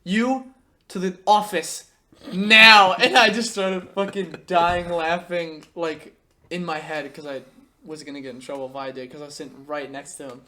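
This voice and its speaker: A young man hosting a casual podcast, telling animated stories with laughter and quick impressions. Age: young adult. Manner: animated storyteller, breaks into laughter and high-pitched impressions. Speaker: podcast host. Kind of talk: casual chat.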